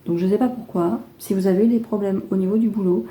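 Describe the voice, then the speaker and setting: A French woman giving a casual tarot reading, chatty and gentle, with many fillers and restarts. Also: medium pitch, fairly even intonation, fast. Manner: gentle, reassuring advice. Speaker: tarot card reader.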